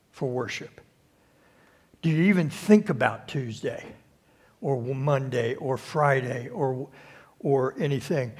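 A man preaching a conversational sermon at a church service, unhurried and often restarting or repeating his words. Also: medium pitch. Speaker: pastor.

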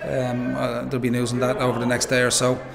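A man in his forties with an Irish accent, a football manager giving a measured post-match interview, full of "um" and "you know". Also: medium pitch, completely flat delivery, gravelly. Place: pitchside interview backdrop, noisy. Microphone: handheld interviewer mic.

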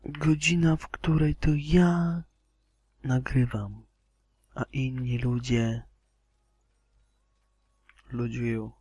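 A man commentating his own gameplay casually, drawling and murmuring asides, sometimes dropping to a whisper and sometimes bursting out loudly. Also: medium pitch, fairly even intonation, slightly rough, no room sound. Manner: slow, drawling, half-whispered asides with sudden loud outbursts. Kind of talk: casual let's play commentary.

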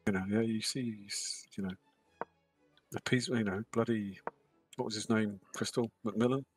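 Guy streaming a game, kinda low husky voice, rambly chat. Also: steady tone, normal speed, no echo, soft background music, poor audio. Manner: rambling, many "you know" fillers. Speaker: streamer playing an online space game. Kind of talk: casual chat while gaming.

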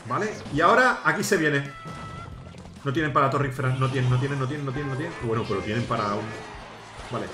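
A man giving excited gameplay commentary, coaching his teammates and shouting at big plays. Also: mid-range voice, fast talker. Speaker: gaming YouTuber host. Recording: roomy sound with game music. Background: game music.

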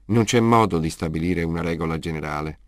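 A man voicing a male robot servant in an audiobook, who speaks quietly in short, clipped, respectful answers. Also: low-pitched, fast, dry recording, clean studio sound. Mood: deferential. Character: soft-spoken male metal robot servant, deferential. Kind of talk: audiobook character reading.

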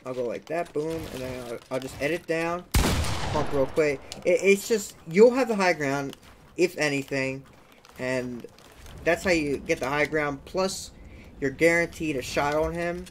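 Young male gaming tutor, slightly high voice, casual, faint background hiss. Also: unhurried. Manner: chatty, keeps checking in with "okay?" and "right?"; sound effects like "boom" while demonstrating. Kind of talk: casual walkthrough commentary.

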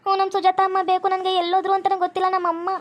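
A woman's voice: very high voice, monotone, rapid-fire. A woman with a North Karnataka Kannada accent playing a young village girl who misses her mother and pleads anxiously. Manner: fretful, pleading.

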